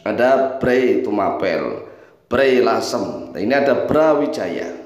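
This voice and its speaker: A man giving an Islamic preacher's talk in a didactic, rhetorical way, with frequent filler asides and big swings in pitch and pace. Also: expressive, slow, darkish tone. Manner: pitch and pace jump widely between lines. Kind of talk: religious talk to camera. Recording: echoey room.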